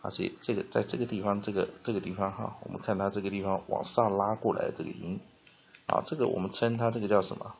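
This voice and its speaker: A man's voice: on the low side, steady tone, quick pace, gravelly. A man teaches English vocabulary at a whiteboard, explaining step by step, spelling words out and often drawing out a filler "ah". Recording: dull lo-fi recording.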